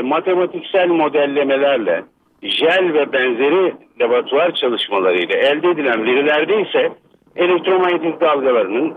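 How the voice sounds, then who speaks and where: A husky-voiced man from Bursa phones in to a radio show, his voice coming through a dull, muffled landline. He explains things in a measured, lecturing way and often pauses on hesitant fillers. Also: mid-range voice. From Bursa, Turkey. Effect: over a landline phone. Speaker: radio call-in caller, electrical engineer. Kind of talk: explanatory call-in commentary.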